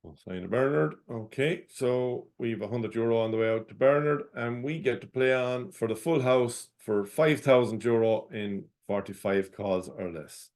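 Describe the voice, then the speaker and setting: A man with an Irish accent working as a bingo caller, calling out numbers in a formulaic way, digit by digit, and hosting the game. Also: mid-range voice.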